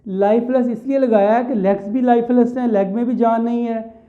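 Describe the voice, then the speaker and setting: A man's voice: very high-pitched, fairly even intonation, fairly quick. A man from Pakistan with a Pakistani accent, giving a classroom lecture on a poem. He explains step by step, repeats his phrases and mixes English terms into his talk. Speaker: teacher. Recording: tinny phone-like lo-fi sound.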